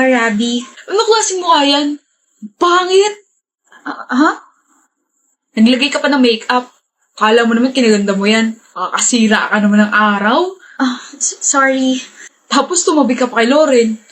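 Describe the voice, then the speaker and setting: Woman, very high voice, playful teasing comedy-skit delivery. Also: moderate pace, long pauses. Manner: bantering, teasing. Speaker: skit creator. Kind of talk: scripted comedy skits.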